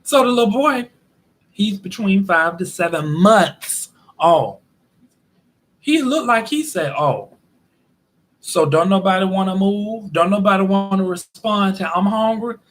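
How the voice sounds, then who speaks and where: A man telling a comic story from his own day in a lively, animated way, dropping quiet asides between loud bursts. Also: sits high, measured pace, a little hiss or hum, low-quality recording. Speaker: storyteller vlogger. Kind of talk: comedic storytelling.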